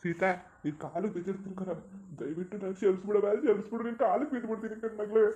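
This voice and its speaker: A man voicing a remorseful village father in a cartoon, begging and rushed. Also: high voice, steady tone, dark tone, dull audio, lightly acted. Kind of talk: cartoon voice acting. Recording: roomy echoey recording.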